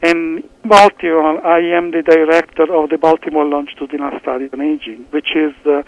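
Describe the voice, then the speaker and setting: An Italian man with an Italian accent, a researcher appearing as a guest, answers interview questions haltingly, with frequent restarts and fillers. His voice sits on the high side, and the low-quality recording has no room sound.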